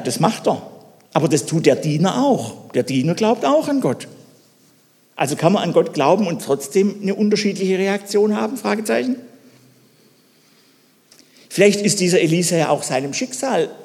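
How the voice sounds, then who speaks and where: A man preaching a sermon, telling a story and putting questions to the listeners, moving between loud and hushed delivery. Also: high voice, creaky, big-room sound.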